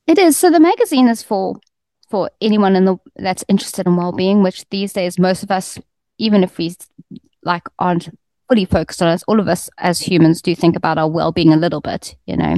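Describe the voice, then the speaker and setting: A magazine editor describes her publication in a casual interview, friendly and fluent but with frequent ums and restarts. English is her first language and Afrikaans her second; her fairly low, warm voice moves fairly quickly with no room sound.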